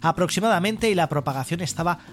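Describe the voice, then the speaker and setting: A male presenter with a slightly high, very animated voice. He explains to listeners how things went on the air, with faint music underneath. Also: fast. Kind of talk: radio show commentary on band conditions.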